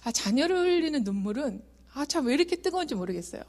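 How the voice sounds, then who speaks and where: A woman's voice: high-pitched, very animated, fast. Earnest woman giving church testimony. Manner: earnest and emotional, swings from soft to loud. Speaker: guest speaker giving testimony. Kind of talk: emotional testimony sermon. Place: church sanctuary.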